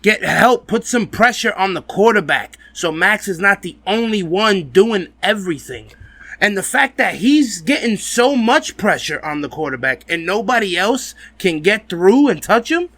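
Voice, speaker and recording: High-pitched man with a slight lisp. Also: pushed and bright, dry recording. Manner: emphatic, blunt, addresses fans directly. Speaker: host of a football fan video podcast. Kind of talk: opinionated sports commentary, casual and profane.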